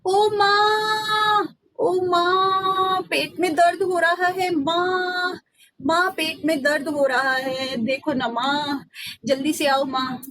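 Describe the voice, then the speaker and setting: A woman voicing a mischievous young schoolboy who makes excuses, with drawn-out whiny wailing. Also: very high-pitched, fairly even intonation, bright, forceful tone, no room sound, pitched above the performer's own voice, heavily acted. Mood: whining.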